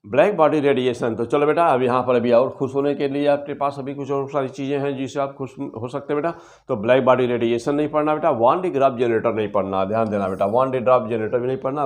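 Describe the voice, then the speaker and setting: A middle-aged man teaching physics, going through an exam syllabus in a fond, reassuring way and reading out English topic names slowly. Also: mid-range voice. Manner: calls students "beta" constantly, reassuring; reads English syllabus terms slowly and deliberately.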